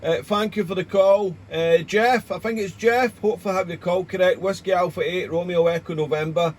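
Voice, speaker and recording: Speaking fairly quickly in a high, steady voice, this Welsh amateur radio operator makes a casual on-air contact. His manner is rambling and courteous, full of call signs and radio procedure terms.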